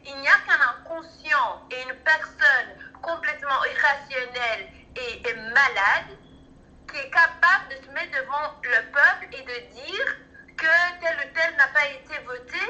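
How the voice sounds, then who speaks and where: Woman, from Rwanda, caller, high voice, indignant, stammering, muffled phone audio. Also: measured pace, sharp tone. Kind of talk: impassioned political commentary.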